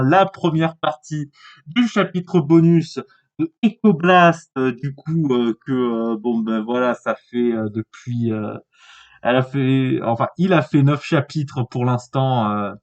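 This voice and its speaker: A man's voice: fairly high pitch, slow pace, darkish tone. A tired man reading a fan novel aloud, stopping often for rambling, filler-heavy asides. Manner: rambling, many fillers and restarts. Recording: dull lo-fi mic.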